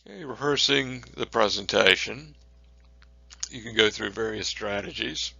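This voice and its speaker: Gravelly bright-voiced male lecturer. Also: fairly low pitch, dry recording. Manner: measured, with frequent fillers. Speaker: instructor. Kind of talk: recorded lecture. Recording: dull lo-fi recording.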